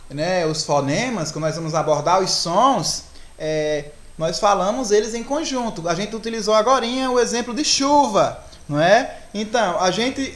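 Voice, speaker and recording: Brazilian teacher checking in with the class. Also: mid-range voice. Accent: Brazilian Portuguese. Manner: explains step by step, often asks "né?" and "tá certo?". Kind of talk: recorded grammar lesson.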